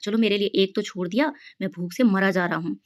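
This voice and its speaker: Grumpy hungry boy muttering to himself, a lady reading it, lowish and quiet. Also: moderate pace, lightly acted. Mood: grumbling. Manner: low muttering asides.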